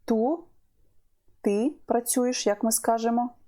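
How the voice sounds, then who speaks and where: Female language tutor, unhurried and warm, patient drill of verb forms. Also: fairly high pitch. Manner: slow and patient, repeats each verb form. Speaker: language teacher. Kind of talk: online Spanish lesson.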